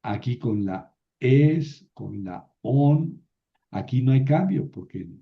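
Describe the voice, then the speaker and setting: A man gives a slow, deliberate grammar lecture, pausing on fillers and asking his students to confirm each step. His voice sits at a middle pitch. The recording is somewhat muffled and lo-fi. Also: expressive, gravelly. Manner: patient, halting explanation with many fillers and tag questions. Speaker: teacher. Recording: slightly dull, lo-fi sound.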